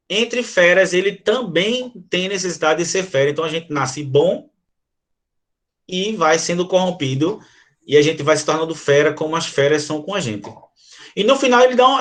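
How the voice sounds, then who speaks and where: A Brazilian man teaching a literature class, explaining a sonnet and reading its verses aloud to his students. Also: a little high. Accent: Brazilian Portuguese. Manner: animated, addresses students directly, reads verses aloud. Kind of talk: online class explaining a poem.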